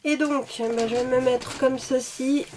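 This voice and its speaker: A woman's voice: high-pitched, fairly even intonation, measured pace, a little mellow, slight background noise. A woman reviewing makeup in a chatty, self-deprecating way, a little sick and coughing now and then. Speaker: beauty vlogger.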